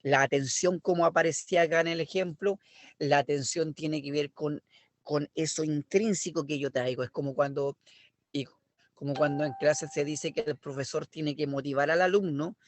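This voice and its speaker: Chilean man teaching, fairly high voice. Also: steady tone, moderate pace. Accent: Chilean Spanish. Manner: explanatory, checks understanding with "¿ya?" and "¿me explico?". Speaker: language teacher. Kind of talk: online class lecture.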